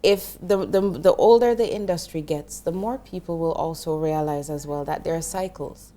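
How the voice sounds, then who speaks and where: A middle-aged Jamaican woman, appearing as an investment professional guest in an interview conversation, explains finance earnestly and restarts often. Her voice is low-pitched and dark-toned, at a moderate pace.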